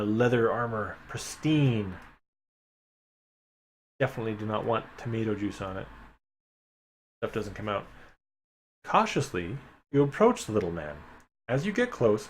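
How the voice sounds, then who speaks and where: A man's voice: medium pitch, slight background noise. A man streaming a live reading of an adventure gamebook, reading passages aloud and making chatty, wry asides to his chat. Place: home streaming setup.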